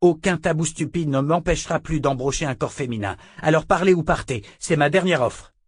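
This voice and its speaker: A man's voice: medium pitch, moderate pace, dry recording, clean studio sound, close to an everyday voice. A man playing a blunt, defiant young swordsman. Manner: curt, defiant.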